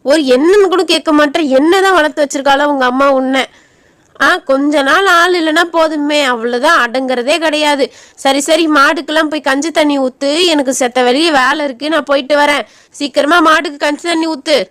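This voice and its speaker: A woman's voice: sits high, brisk, fairly bright tone, no room sound. A woman voicing a nagging old village granny. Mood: scolding. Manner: nagging, grumbling, scolding. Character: scolding old village grandmother. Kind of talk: doll-play skit acting.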